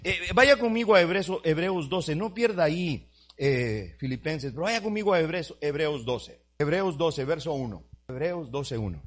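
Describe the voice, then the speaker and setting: A man's voice: on the high side, lively intonation, normal speed. A male pastor preaching a sermon at a church service, emphatic, often calling the listeners his brothers. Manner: emphatic, repeats "my brother", acts out quotes. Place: church service, also streamed.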